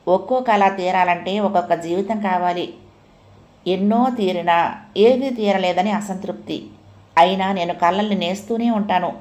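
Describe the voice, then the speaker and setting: A woman narrating a family story as an audiobook, in a soft, reflective first-person telling. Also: lowish voice.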